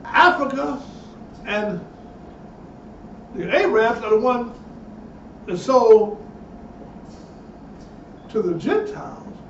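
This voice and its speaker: High-voiced preacher in an echoey room. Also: male voice, sing-song, drawn-out words, pauses often, a little hiss or hum. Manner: reads passages aloud, breaks in with emphatic asides. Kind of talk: sermon with read-aloud passages. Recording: echoey, distant, dull lo-fi sound.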